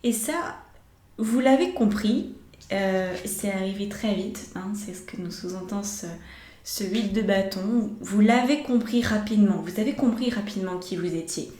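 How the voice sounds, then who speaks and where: A woman's voice: mid-range voice, normal speed, warm tone. A woman giving a tarot reading to her viewers, speaking reflectively and addressing them directly with frequent hesitations. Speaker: tarot reader. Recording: echoey room.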